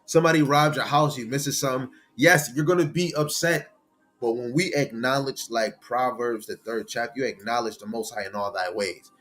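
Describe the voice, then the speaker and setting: A man's voice: medium pitch, a bit bright. Casual-talking male Bible teacher. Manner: conversational, keeps asking "right?", reads scripture slowly. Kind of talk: sermon-style Bible lesson.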